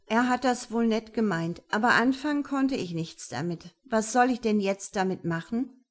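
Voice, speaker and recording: A woman's voice: on the high side, animated, normal speed, pitched above the performer's own voice, close to an everyday voice. Woman putting on a piping, whiny young woman.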